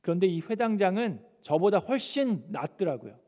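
A male pastor preaching a sermon, animated and acting out the scripture quotes. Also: high-pitched, moderate pace. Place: church sanctuary. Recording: long church hall reverb.

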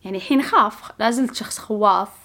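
Racing along at medium pitch, her voice pushed and bright, a Saudi Gulf-accented vlogger recounts a casual tale to her viewers. She keeps things chatty, repeats a lot, and now and then slips into a whisper.

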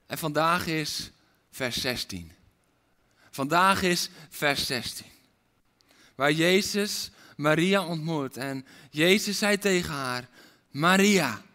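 A man's voice: a little high, lively intonation, slow pace, bright, forceful tone. A man preaching a sermon as a pastor, with an impassioned, repetitive preaching cadence. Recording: long reverb of a large hall.

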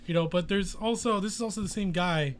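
A man's voice: sits high, a little fast, slight background noise. A man in casual chat, rambling with frequent restarts and swearing. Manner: rambling, profane, hesitant restarts.

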